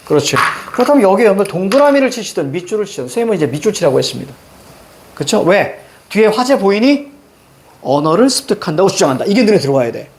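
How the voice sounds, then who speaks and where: Middle-aged man, teacher, fairly high voice, very animated pitch, directive classroom lecture. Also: fast talker, a little hiss or hum. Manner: animated, directive, drills students on reading steps. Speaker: Korean reading teacher. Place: classroom with blackboard.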